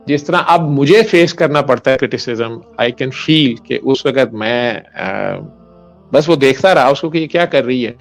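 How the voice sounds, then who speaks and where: A man who works as a doctor tells a long story from his hospital days, voicing the other people in it as he goes. His voice has a rough, creaky edge at a middle pitch. Faint music plays beneath his interview talk. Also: animated. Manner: retells events with quoted dialogue, mixes in English medical terms.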